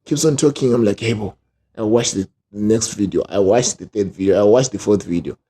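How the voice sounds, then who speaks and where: Southern african guy, soft dark lowish voice, slangy animated storytelling, casual interview. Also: brisk, breathy edge. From Zimbabwe. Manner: casual, slang-laden, acts out quoted speech. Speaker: ventriloquist, interview guest.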